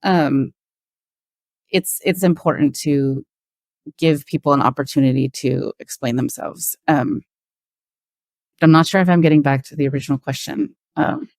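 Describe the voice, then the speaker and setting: Woman, low voice, dry sound, animated storyteller, mimics quoted voices. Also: moderate pace, pauses often, dry recording. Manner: animated, acts out quoted voices, frequent fillers. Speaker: guest. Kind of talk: conversational interview storytelling.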